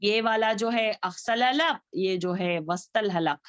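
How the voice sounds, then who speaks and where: A woman's voice: medium pitch, no echo. Woman teaching Quran recitation on a dull call. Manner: drills each word by repeating it slowly, then explains quickly. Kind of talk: online tajweed class, correcting and modelling recitation. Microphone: video call. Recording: dull, lo-fi video call audio.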